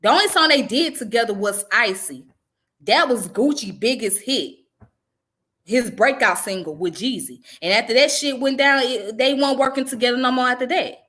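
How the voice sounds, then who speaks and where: A woman's voice: on the high side, lively intonation, normal speed, a bit bright. A woman who grew up in the American South, giving blunt, profane, conversational commentary on her own channel. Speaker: channel host. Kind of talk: casual commentary vlog.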